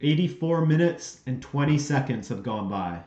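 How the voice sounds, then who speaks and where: A man from western Canada hosts a live watchalong, reacting to the play and answering chat questions in a relaxed, offhand way. His voice sits at an ordinary middle pitch. The sound is roomy and somewhat dull, like a lo-fi streaming setup. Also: moderate pace. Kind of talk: casual live watchalong commentary.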